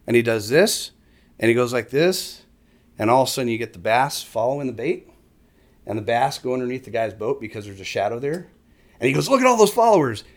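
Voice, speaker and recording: A middle-aged man, explaining fishing tactics in casual conversation as an animated storyteller who acts out other anglers. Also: medium pitch, brisk. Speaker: fishing guest expert. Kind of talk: casual chat.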